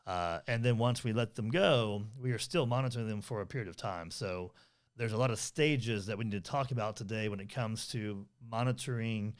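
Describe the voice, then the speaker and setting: Middle-aged guy cohosting a parenting podcast, kinda low voice, rambly and earnest. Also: brisk. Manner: earnest, rambling, many fillers and restarts. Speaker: podcast co-host. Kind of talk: casual conversational podcast chat.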